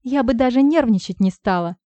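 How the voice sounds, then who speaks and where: A woman voicing a sharp-tongued, furious young woman who snaps in shrill, indignant outbursts, recorded dry and slightly dull. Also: lively intonation, a little fast, no room sound, lightly acted.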